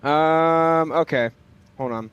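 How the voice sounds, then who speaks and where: A man's voice: on the high side, takes it slowly, smooth, no echo, dull audio. A man livestreaming a flight simulator, talking casually and hesitantly as he thinks aloud. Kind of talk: casual livestream commentary with pilot radio calls.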